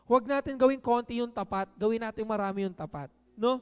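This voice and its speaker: A man's voice: very high-pitched, fast talker, darkish tone, clear, resonant tone, in a large hall. A man giving a conversational sermon in Tagalog and English, often checking in with the audience with "No?" and hitting key words with emphasis. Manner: frequent "No?" tag questions to the audience. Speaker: preacher.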